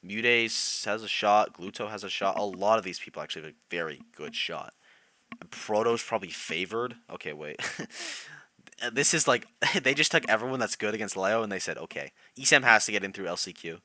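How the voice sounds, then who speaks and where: Lively low-voiced male streamer. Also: moderate pace, no echo. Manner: chatty, reacting to chat, laughs often. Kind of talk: casual live-stream commentary.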